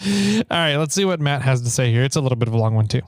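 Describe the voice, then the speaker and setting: Male podcast co-host, American. Easygoing conversational delivery, agreeable, mid-range pitch, no room sound. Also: expressive, fast talker, no echo, clean studio sound. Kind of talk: casual podcast chat.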